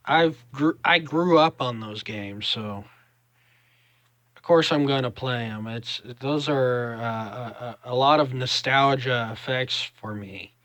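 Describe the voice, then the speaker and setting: A young man with a Southern US drawl, chatting casually to camera in a halting, rambling vlog style. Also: mid-range voice, a bit bright, dry recording. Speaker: vlogger.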